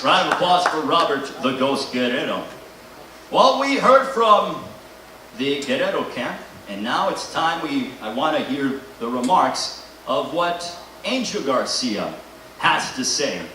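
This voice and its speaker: High, bright male boxing announcer in echoey hall. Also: sing-song, unhurried. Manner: showy ring-announcer delivery. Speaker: press conference host and boxing announcer. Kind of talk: boxing promotional introduction to an audience. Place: large echoey press conference room. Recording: echoey hall, distant mic, faint noise.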